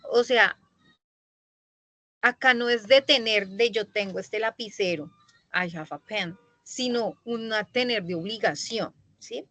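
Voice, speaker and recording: A woman's voice: medium pitch, unhurried, a bit bright, dry recording, low-quality recording. A woman teaching an English grammar lesson in an online class, explaining patiently and checking in often with her students. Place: online meeting recording.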